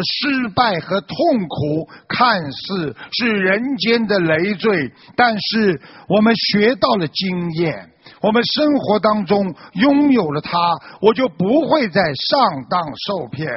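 Husky, animated male preacher. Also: sits high, takes it slowly, hardly any pauses. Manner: animated, exhorting. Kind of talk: moral sermon with storytelling. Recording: dull lo-fi recording.

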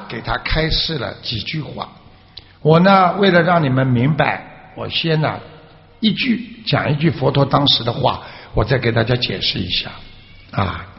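Brief: a male dharma preacher with lively, swooping pitch, telling a parable to a crowd. Long echoey hall reverb. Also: creaky. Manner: many drawn-out "ah" fillers, asks the audience questions. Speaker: Buddhist preacher. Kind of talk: sermon storytelling. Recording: echoey hall, dull lo-fi sound.

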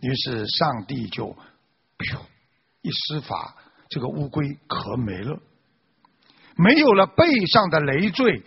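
A man's voice: on the high side, gravelly, breathy edge. A man preaching a moral sermon, exhorting listeners and telling a fable. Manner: animated, exhorting. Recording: dull lo-fi recording.

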